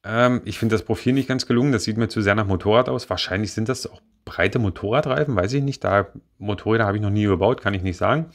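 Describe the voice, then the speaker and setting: A man's voice: lowish voice, fast. A young man casually reviewing a toy car model, rambling with many fillers and self-corrections. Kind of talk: casual spoken product review.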